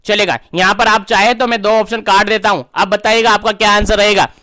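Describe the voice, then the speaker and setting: A man's voice: sits high, flat delivery, a little fast, pushed and bright, no echo, clean studio sound. A young man teaching an online nursing exam-prep class, emphatic, repeating key answers back as quiz questions.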